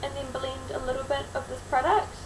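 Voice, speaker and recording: A woman's voice: high voice, fairly even intonation, a little fast, over music. A woman with a broad New Zealand accent gives a frank, informal how-to explanation in casual vlog style. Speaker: vlogger. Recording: roomy, distant mic, clearly noisy.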